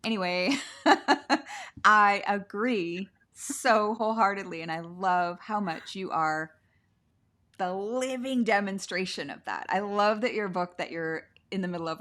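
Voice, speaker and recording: A woman's voice: mid-range voice, measured pace, fairly bright tone. A woman hosting an interview over a video call, talking in an effusive, gushing way, often saying "like" and laughing. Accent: Canadian. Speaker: podcast host. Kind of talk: warm conversational interview. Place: sitting on the floor at home.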